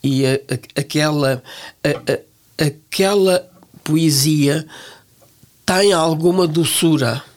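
A woman's voice: low-pitched, slow, long pauses. An older woman with a European Portuguese accent, talking as an interview guest in a reflective, hesitant way, often restarting her words. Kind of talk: relaxed interview conversation.

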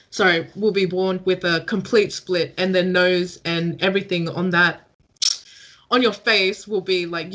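A young woman co-hosts a casual podcast chat over a remote call, explaining things step by step and laughing easily. Her voice is fairly low in pitch and a bit bright.

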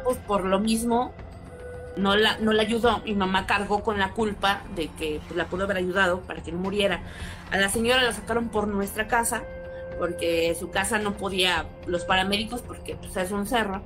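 A woman with a Mexican accent tells a story in a relaxed chat, her voice at an ordinary middle pitch. She animates the tale, jumping into high voices when quoting people. Clear music plays behind her. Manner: animated, acts out quotes with sudden high exclamations. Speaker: guest storyteller. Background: background music.

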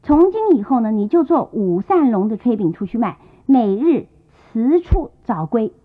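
Woman storyteller playing a stern brother laying down the rules, slow and grave, tinny phone-like old recording. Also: fairly high pitch, big pitch swings. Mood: admonishing. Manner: slow, measured admonishing. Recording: tinny lo-fi tape.

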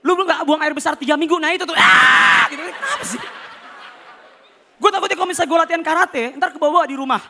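A young man performing a stand-up comedy routine, animated, acting out characters with sudden shouts and voice changes. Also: very high voice, very fast, few pauses, background noise.

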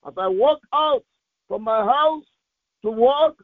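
A pastor preaches and leads fervent Pentecostal prayer with exhortation, insistent and repetitive, delivering it phrase by phrase. His voice is extremely high-pitched and expressive, and he takes it slowly. The sound is thin and phone-like, like radio, with no echo.

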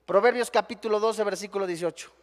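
A male preacher with a Mexican Spanish accent delivers an emphatic sermon, firing rhetorical questions at his listeners. His voice sits very high. A long reverb from the church hall trails each phrase. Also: fast talker.

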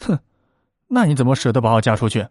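A man's voice: medium pitch, sing-song, fast, a little mellow, dry recording, clean studio sound. A man voicing a petulant, lovesick young woman in a spoken story, whiny and pleading.

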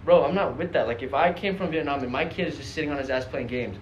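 A young adult man hosts a podcast, chatting casually but bluntly and emphatically, using heavy slang and swearing and repeating himself to drive points home. His voice is medium-pitched and quick, and the rough recording carries noticeable background noise.

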